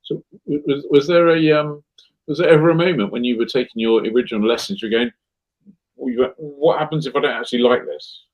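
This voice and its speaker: Man, interviewer, halting, restarts, slightly muffled webcam audio. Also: medium pitch. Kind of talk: casual interview on a video call. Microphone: webcam video call. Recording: slightly dull video call audio.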